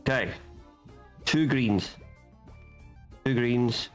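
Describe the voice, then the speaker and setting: A man's voice: medium pitch, drawn-out words, faint music behind. A man playing in a tabletop game, chatting casually and wryly, with some swearing. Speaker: player.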